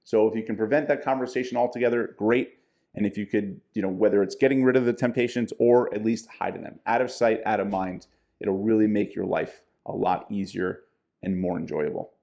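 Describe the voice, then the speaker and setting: A man's voice: fairly low pitch, fairly even intonation, fairly quick, vocal fry, a little mellow. A man co-hosting a casual diet podcast, giving plain-spoken practical advice. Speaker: podcast co-host, diet coach.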